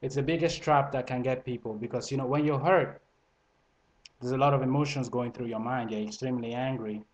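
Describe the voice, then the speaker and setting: A man's voice: mid-range voice, steady tone, a little fast, rough recording. A man raised in Italy who speaks English with a multilingual accent that mixes in Italian and French, giving casual relationship advice to camera with lots of fillers and restarts. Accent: multilingual, Italian and French mixed into English. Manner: conversational, frequent fillers and restarts. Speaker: vlogger.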